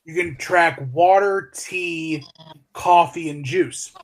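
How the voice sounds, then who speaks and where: A man co-hosting a podcast who explains things eagerly and excitedly among friends. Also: a little high, slow pace. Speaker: podcast co-host. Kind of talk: casual banter among friends.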